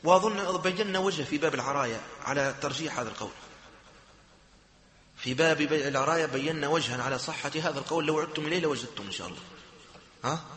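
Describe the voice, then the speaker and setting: A man's voice: on the high side, fast talker, fairly bright tone. Man teaching in an echoey hall. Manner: asks students questions and answers himself, conversational. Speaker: sheikh teaching Islamic jurisprudence. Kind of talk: lecture to a class. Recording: echoey hall with long reverb.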